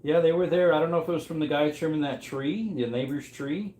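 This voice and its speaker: A man's voice: on the high side, a little fast, warm tone, roomy sound, slight background noise. A man in his mid-thirties hosting a trivia livestream, rambling casually and reacting to chat as he goes. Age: 30s. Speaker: livestream host running trivia.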